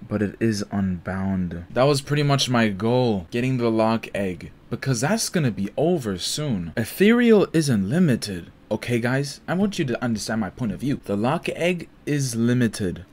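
A man giving casual gameplay commentary as a gaming YouTuber, melodramatic and self-pitying with loud outbursts. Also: medium pitch, animated, moderate pace, hardly any pauses. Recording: loud background music under voice. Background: game music.

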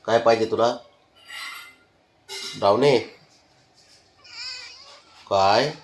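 A man's voice: on the low side, extremely slow, a little hiss or hum. Man baby-talking to his cat. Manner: coaxing, teasing, laughing often. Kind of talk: casual baby talk to a pet.

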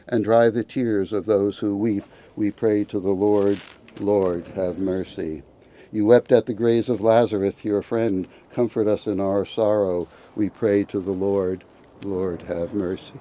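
A man, a priest, reciting committal prayers at a graveside in a measured, liturgical way. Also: lowish voice, warm tone.

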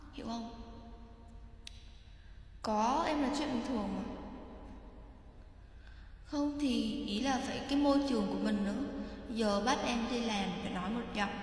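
A woman's voice: on the high side, moderate pace, long pauses, a little mellow, a little hiss or hum. A woman in casual, teasing chat, joking around with friends. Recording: echoey room with faint music.

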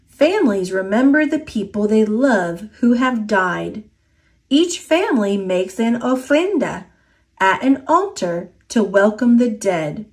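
In a mid-range voice, a woman with an American accent narrates a children's story, giving it a deliberate, expressive storytelling delivery.

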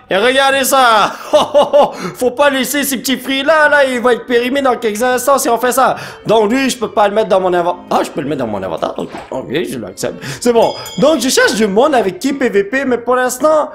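Man, gameplay commentary, high voice, very lively swings, bursts of shouting, slangy, faint game music behind. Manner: excitable, exclamations and shouts mixed with English slang. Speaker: gaming YouTuber.

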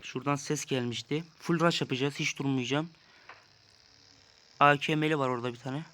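A man's voice: mid-range voice, steady tone, normal speed, bright, forceful tone. A young man commenting on his mobile game session, exasperated and ranting about losing, with faint noise and clicks behind. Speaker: gaming YouTuber. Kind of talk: casual gameplay commentary.

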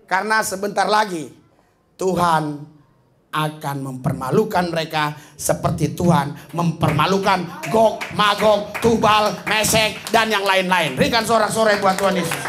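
A man preaching a lively sermon in a small church. He talks animatedly, jumping from loud bursts to quiet asides, and often laughs. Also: high voice, background noise. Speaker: pastor.

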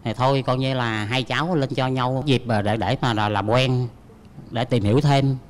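An older man speaking haltingly with many fillers, a contestant's relative on a dating show. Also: mid-range voice, steady tone, a little hiss or hum.

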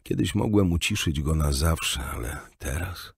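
A learned old maester, voiced by a man narrating speaks in a measured, gentle way, as if explaining to a child. The voice is deep and slightly husky. It is a dry, close recording. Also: no room sound, heavily acted. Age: older.

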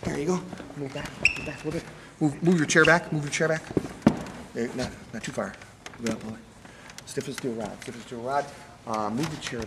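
A man's voice: mid-range voice, fairly even intonation, fairly quick, long pauses. A middle-aged man working as a stage hypnotist, giving commanding, repetitive, insistent instructions in a live show. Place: large theater stage before an audience. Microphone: handheld microphone through hall speakers. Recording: echoey hall, noisy crowd, camcorder audio.

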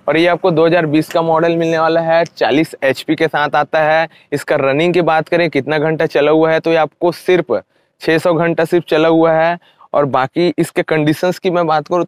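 A young Indian man, a vlogger, gives an informal walkaround of used tractors outdoors at a roadside dealership, explaining and repeating himself like a salesman. His voice is a little high, with a slight hiss or hum on the recording.

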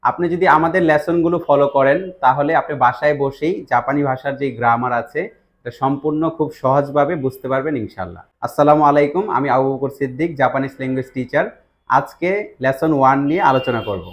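A man's voice: medium pitch, fast. A Bangladeshi man, a language teacher, patiently explaining grammar step by step and asking his students rhetorical questions. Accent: Bangladeshi Bengali.

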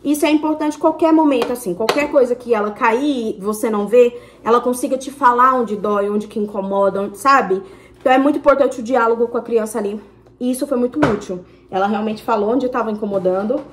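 Against a noisy background, this young family vlogger with a Brazilian accent speaks fairly quickly in a highish voice. She's chatting to her viewers on camera and narrates a story at length, telling every detail.

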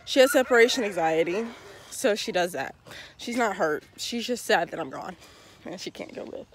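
A woman's voice: mid-range voice, lively intonation, normal speed, a little hiss or hum. A young woman chatting casually to her phone camera while walking outdoors, out of breath and joking about herself. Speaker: vlogger. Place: outdoors on a foggy neighborhood street. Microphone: handheld phone camera.

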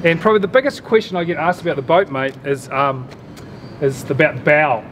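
Against clear outdoor noise and vehicle rumble, a middle-aged man speaks. He hosts in a chatty, matey way, using plenty of easy slang. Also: a little fast. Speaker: host and boat owner. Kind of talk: casual chatty interview. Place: outdoors in a yard beside a metal boat.

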